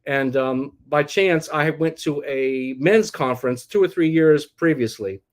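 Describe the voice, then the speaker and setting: A middle-aged man from the United States, his voice a little high and a little slow, recounts his life as an interview guest. He rambles casually through the personal story, restarting often and using lots of fillers.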